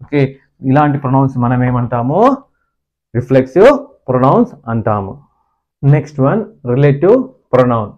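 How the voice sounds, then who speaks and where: Male grammar teacher with a Telugu accent, medium pitch, slightly dull lo-fi sound, reads definitions slowly and explains fast. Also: expressive, a little mellow. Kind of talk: classroom-style grammar lesson.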